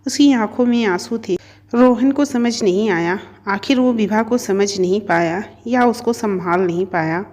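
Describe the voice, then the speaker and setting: A woman narrating a dramatic family story with steady, expressive reading. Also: medium pitch, a little slow.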